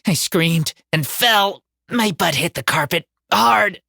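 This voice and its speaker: Woman reading a spooky-funny audiobook, low-ish voice, bouncing all over, dramatic timing. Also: slow pace, vocal fry, no room sound, clean studio sound. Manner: expressive and dramatic, comic timing. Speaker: audiobook narrator. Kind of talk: first-person horror comedy narration.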